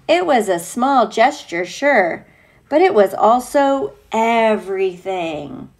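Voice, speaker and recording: Her voice sits high as this female teacher performs a picture book for small children. She keeps it playful and expressive, adding effusive, talkative side comments.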